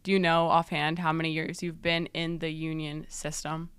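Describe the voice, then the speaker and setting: A woman's voice: low voice, level tone, moderate pace, a bit bright, smooth, no room sound. A woman hosting a podcast, chatting casually and asking follow-up questions. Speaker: podcast host.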